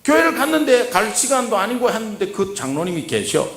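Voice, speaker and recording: A man preaching at a revival, telling a story and then exhorting, moving from hushed recounting to loud urging. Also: high-pitched, big pitch swings, fairly quick, background noise. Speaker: guest preacher. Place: church sanctuary. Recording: echoey church hall.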